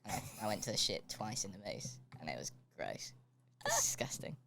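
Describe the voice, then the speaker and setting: A British man co-hosting a casual podcast, his voice altered with a chipmunk-like pitch shift. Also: animated, fairly quick, creaky, sharp tone, a little hiss or hum. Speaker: podcast co-host. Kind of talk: casual chat.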